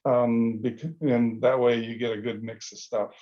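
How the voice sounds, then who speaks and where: A middle-aged man who leads service trips, talking casually in a class discussion and pausing often with fillers and restarts. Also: mid-range voice, level tone, dark tone. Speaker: service trip leader. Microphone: video call. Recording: dull lo-fi video call.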